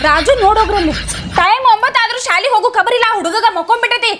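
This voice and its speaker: A woman's voice: extremely high pitch, rapid-fire, heavy background noise. A woman playing a snappy, sarcastic village wife. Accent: North Karnataka Kannada. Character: sharp-tongued village wife and mother. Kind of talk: comedy sketch acting. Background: loud background music.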